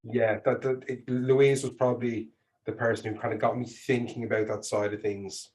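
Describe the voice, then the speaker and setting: A middle-aged man with a Dublin Irish accent, talking casually as an interview guest in an informal, halting way, as if thinking aloud. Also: medium pitch, little pitch movement, a little mellow, rough recording. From Dublin, Ireland.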